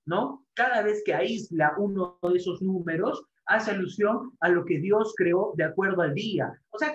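Male teacher, slightly high voice, lecturing a class; repeats himself, rhetorical tags, lots of fillers; roomy, muffled lo-fi recording. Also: slight background noise. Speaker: literature teacher. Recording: echoey classroom, dull lo-fi sound.

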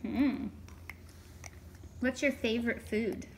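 A woman patiently coaxing a small child at home, asking simple questions in a gentle, sing-song way and prompting the child to repeat words after her. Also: fairly high pitch, steady tone, slow pace, slight background noise. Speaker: caregiver teaching a toddler. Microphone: hidden camera.

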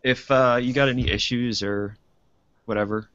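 A man in his thirties chatting as a guest artist, halting and full of fillers. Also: medium pitch, steady tone, fairly bright tone. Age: 30s. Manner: hesitant, lots of fillers. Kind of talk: casual chat on a video call. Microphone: video call. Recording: lo-fi video call audio.

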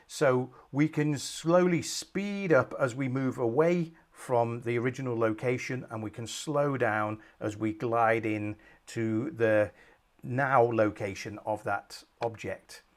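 With a mid-range voice and a slow pace, a middle-aged man presents a software tutorial recorded from his screen. He sits in a small home office, calmly going step by step and saying "um" frequently.

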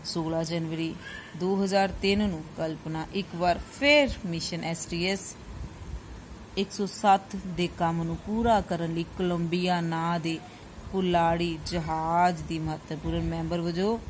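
A woman teacher reading a textbook chapter aloud to a class, steady and careful, now and then correcting a slipped word. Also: lowish voice, unhurried, a little hiss or hum, rough recording.

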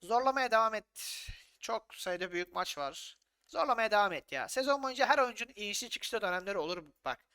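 A man commentating his own football video game session in a casual, excitable way, swearing freely, arguing with his players and calling the action like a match announcer. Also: sits high, a little fast, clear, resonant tone. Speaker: gaming YouTuber.

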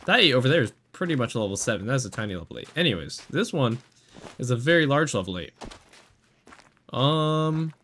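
A man giving casual, excitable commentary while he plays a hunting game, talking to himself as he lines up shots. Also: mid-range voice, normal speed, long pauses, a little hiss or hum. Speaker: gaming channel host.

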